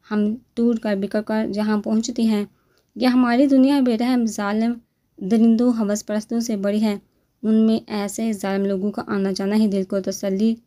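Picture a proud, bitter young woman who has shut love out of her life, speaking with cool scorn and defiance. A woman reads her lines aloud from a novel in a mellow, unforced voice that stays close to her everyday tone. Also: fairly high pitch, close to an everyday voice. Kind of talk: novel reading.

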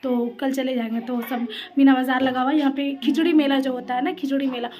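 A woman's voice: high voice, little pitch movement, fairly quick, darkish tone. A young woman chatting casually to her phone as she films a family trip, playful and teasing. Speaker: vlogger. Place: outdoors at a busy fair. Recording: crowd noise behind. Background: crowd and traffic.

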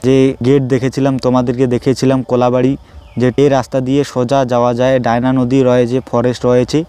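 Speaking fast at medium pitch, this man's delivery is flat yet warm, clear, and resonant. The West Bengal travel vlogger points out roads and places, narrating in loose, repetitive, spur-of-the-moment phrasing.

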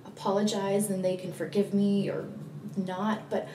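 An actress plays a young woman in recovery, grieving and full of remorse, confessing in a naturalistic dramatic monologue. Her medium-pitched voice moves haltingly, with pauses. It is recorded at a distance in an echoey room. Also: level tone, mellow, slight background noise, natural voice. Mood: resolute, tender. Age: young adult. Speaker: actor performing a monologue. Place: small plain room indoors.

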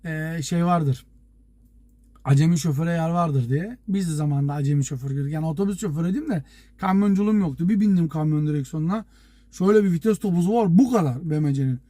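A truck driver telling a story to his viewers in a casual, lively way, acting out the dialogue and chuckling as he goes. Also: high-pitched, no room sound. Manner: lively anecdote teller, acts out dialogue.

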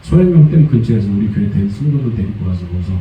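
A pastor preaching a Sunday sermon, lively, slipping into high acted voices for quoted complaints. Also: male voice, fast, slight background noise. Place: church sanctuary. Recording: dull, echoey church sound from a distance.

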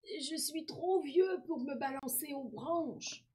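A woman voicing a weary man grown old from a boy, speaking slowly and downcast in a storybook reading. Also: high voice, mellow, voice pushed up. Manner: slow, tired and downcast.

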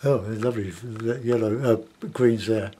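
A man in his sixties with a South London accent, giving an unhurried, casual commentary as he demonstrates painting, pausing and half talking to himself. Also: lowish voice, dark tone, a little hiss or hum. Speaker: painting tutor. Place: small cluttered home studio, indoors.

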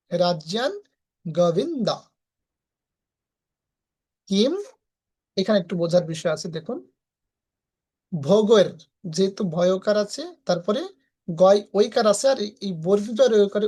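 A woman's voice: medium pitch, mellow. A woman with a Bangladeshi Bengali accent teaching Sanskrit verse pronunciation in a live class, breaking each verse into syllables and then chanting it whole.

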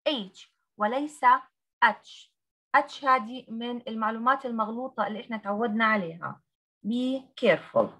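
A woman's voice: on the high side, fairly quick, bright, forceful tone. A woman, teaching English pronunciation on a video call and drilling letter by letter. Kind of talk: online class teaching.

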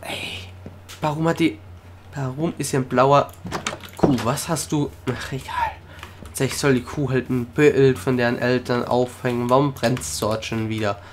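A man giving casual let's-play commentary, chatting excitedly to viewers, making little mouth sound effects and switching between shouts and whispers. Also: mid-range voice, a little slow, background noise. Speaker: gaming video creator. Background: background music.

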